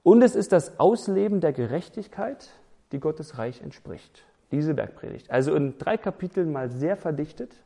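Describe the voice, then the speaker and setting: Gravelly man preaching emphatically. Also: on the high side, expressive, moderate pace, dark tone. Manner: emphatic, with lists and rhetorical questions. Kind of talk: sermon.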